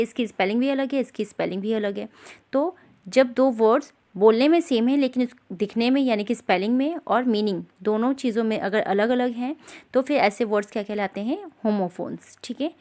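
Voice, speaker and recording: A woman with an Indian accent teaching an English textbook lesson, reading English lines slowly and then explaining them in Hindi. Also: on the high side, a little mellow.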